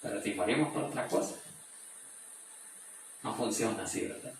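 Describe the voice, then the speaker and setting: A man's voice: on the low side, normal speed, a little hiss or hum. A man leading a Bible study in a church room. He reads a verse aloud, then retells it in plain everyday speech. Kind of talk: conversational Bible study teaching. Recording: very echoey room, voice far from the mic.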